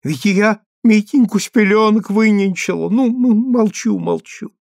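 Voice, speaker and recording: A man's voice: sits high, creaky, darkish tone, dry recording, studio quality, voice pushed up. A man voicing a fussy, anxious old woman who dotes on the boy she raised. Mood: pleading. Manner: worried, exclaiming, quick to fret. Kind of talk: audiobook character voice.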